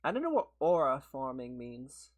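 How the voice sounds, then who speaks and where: A slightly sick, sniffly man chats casually on a game livestream, rambling and laughing as he replies to viewers while he plays. His mid-range voice is very animated and moves at a normal speed.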